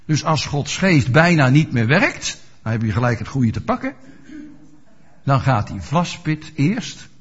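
A man's voice: mid-range voice, sing-song, measured pace, breathy edge. A male preacher giving a sermon, asking his listeners rhetorical questions and explaining scripture with everyday examples. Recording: dull lo-fi recording.

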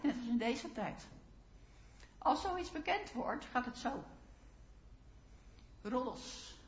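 A woman's voice: sits high, a bit bright. A woman preacher giving a sermon, speaking earnestly and addressing her listeners directly. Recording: roomy, slightly dull sound.

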